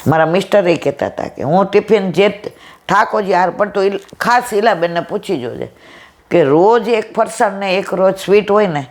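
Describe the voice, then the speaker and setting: Brief: woman speaker, warm devotional storytelling, mid-range voice. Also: mid-range voice, moderate pace. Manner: affectionate, storytelling, addresses listeners as "my dear". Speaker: satsang speaker. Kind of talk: devotional talk retelling a conversation.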